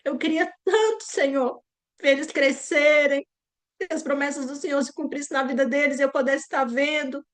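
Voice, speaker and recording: A Brazilian woman in her thirties telling an emotional personal testimony in church, earnest and climbing higher at her peaks. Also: level tone, moderate pace, a bit bright. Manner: earnest, rising to high pitch at emotional peaks. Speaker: church member giving testimony.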